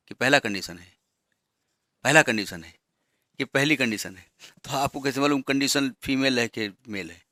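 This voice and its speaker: A man's voice: fairly high pitch, bright, forceful tone, no echo, studio quality. A man teaching a maths lesson, explaining step by step with asides and rhetorical questions. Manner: reads English problem text slowly and deliberately.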